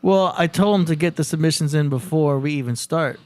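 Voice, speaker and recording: A man's voice: on the high side, a little fast, no echo. A man who co-hosts and produces a live podcast stream, talking about submissions and cues in a matter-of-fact way. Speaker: producer and co-host. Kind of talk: casual live-stream chat.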